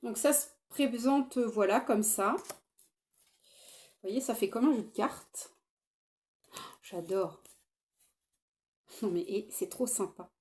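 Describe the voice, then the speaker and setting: Talking to camera about knitting, this middle-aged podcaster sounds enthusiastic yet keeps stumbling over fillers and restarting her sentences. She speaks slowly in a mid-range, somewhat dark voice, leaving long pauses.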